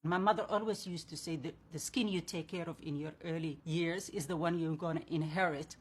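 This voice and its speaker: A woman's voice: deep voice, fairly quick, husky. A woman in her fifties from Somalia, speaking. She talks earnestly about skincare from her own experience. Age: 50s. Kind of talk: personal reflection in a clip.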